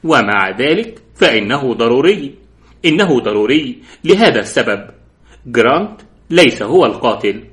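A man voicing a calm, confident middle-aged male detective who speaks politely and with quiet insistence. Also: medium pitch, moderate pace. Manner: polite, composed, gently insistent.

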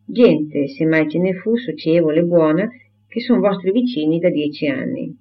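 A genial, courteous gentleman, as a man reads him aloud, reasoning patiently and politely in a storybook reading. The voice sits slightly high. The audio is tinny and phone-like. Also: animated, moderate pace. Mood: persuasive. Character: genial, persuasive middle-aged gentleman.

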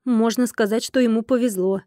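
A woman's voice: a little high, fairly even intonation, fairly quick, mellow, dry recording. Woman reading a dry-toned audiobook. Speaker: audiobook narrator. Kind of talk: first-person scripted narration.

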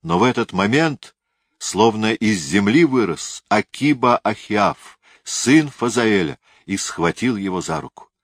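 A man reads a historical novel aloud in a measured, grave manner. His voice is very low and deep. The recording is dry, with no room sound. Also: lively intonation, no room sound. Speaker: narrator.

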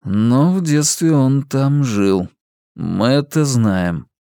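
A man reading an audiobook, voicing a calm, thoughtful male police detective who speaks slowly and quietly. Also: medium pitch, no room sound, clean studio sound, close to an everyday voice. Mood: pensive. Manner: slow, quiet and pensive.

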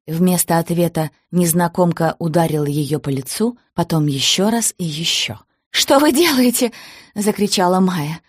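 A woman reading a crime novel aloud in steady scripted narration. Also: low-pitched, breathy edge, no echo, studio quality. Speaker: audiobook narrator.

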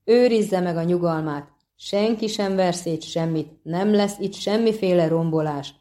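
Geralt, a woman voicing a cold witcher. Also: lightly acted. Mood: calm commanding. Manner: low, calm, clipped orders. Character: stern male witcher swordsman, cool and commanding.

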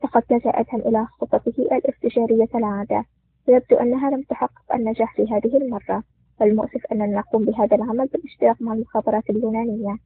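A man's voice: very high-pitched, fairly even intonation, rapid-fire, slightly rough, heavily acted. A man voicing a grave, sad older male intelligence director in a spoken story. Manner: sorrowful, grave. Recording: tinny phone-like sound.

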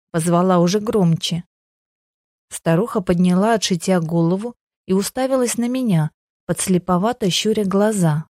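A woman's voice: mid-range voice, dark tone, dry recording, clean studio sound. A woman reading a fantasy story in the first person, in a wry, ironic inner-monologue manner. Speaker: audiobook narrator.

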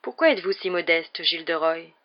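An audiobook reader voicing a wise, gentle old male headmaster wizard who speaks calmly and kindly, unhurried. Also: medium pitch, natural voice. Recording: dull lo-fi recording.

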